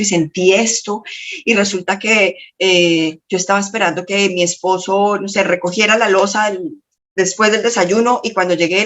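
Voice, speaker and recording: A woman lecturer and coach with a slightly shrill voice, telling stories expressively in a motivational lesson to camera. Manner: expressive, storytelling with lots of self-talk.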